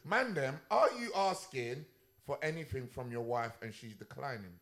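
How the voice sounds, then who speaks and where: A man's voice: medium pitch, sing-song, normal speed, a bit bright. A man with a London roadman accent, chatting casually and slangily as a panel show host. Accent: London, urban slang.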